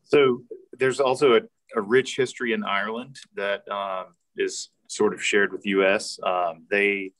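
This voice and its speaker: A man giving a study abroad presentation in a halting way, with many ums. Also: fairly low pitch, fairly even intonation, fairly bright tone, recorded from a distance, low-quality recording. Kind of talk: virtual fair presentation.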